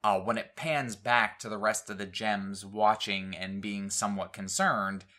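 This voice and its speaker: A man co-hosting a casual fan podcast, discussing a cartoon episode in animated bursts. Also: fairly low pitch, measured pace. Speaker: podcast co-host.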